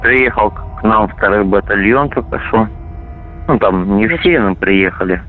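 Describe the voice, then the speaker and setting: A man's voice: on the low side, measured pace. A man, a soldier, casually recounting things on a call heard over a radio intercept. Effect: heard over a radio or intercepted phone line. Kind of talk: casual storytelling on a phone call. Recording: tinny phone-like intercept, music laid over.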